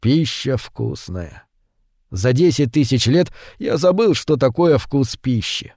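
Hushed brooding male story narrator. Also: mid-range voice, sing-song, no room sound, studio quality. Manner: slow, hushed and brooding, with louder acted quotes. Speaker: audiobook narrator. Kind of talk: scripted narration of a short story.

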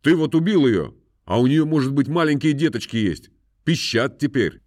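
A man's voice: mid-range voice, expressive, normal speed, darkish tone, no room sound, studio quality, voice pushed up, natural voice. A man voicing a pompous country landowner who scolds and moralizes at length. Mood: moralizing. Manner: moralizing, scolding, sing-song.

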